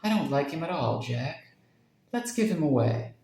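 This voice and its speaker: A man's voice: on the high side, sing-song, moderate pace, creaky, darkish tone, slight background noise, voice pushed up. A man voicing a fretful young wife with a raised, insistent delivery, in a roomy recording.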